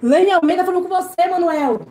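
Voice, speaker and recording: Cleaning up in her home's service area, a woman from Brazil chats casually with live-stream viewers, reading their comments and calling them by name. She has a very high, slightly mellow voice and speaks a little fast. Faint noise and echo fill the recording.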